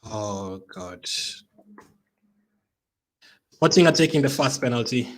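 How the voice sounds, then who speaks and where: A man's voice: medium pitch, animated, slow pace. A man hosting a live football watch-along, anxiously pleading and reacting to a penalty shootout. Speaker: football fan channel host.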